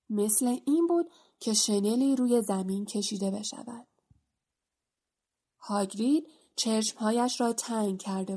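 A woman's voice: fairly high pitch, darkish tone. Woman narrating a fantasy audiobook. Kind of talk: scripted narration of a children's fantasy novel.

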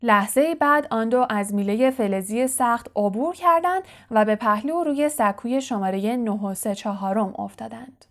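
A woman narrating a novel in a steady, clear storytelling voice. Her voice sits a little above the usual for women. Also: on the high side, hardly any pauses. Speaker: audiobook narrator. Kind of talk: scripted narration.

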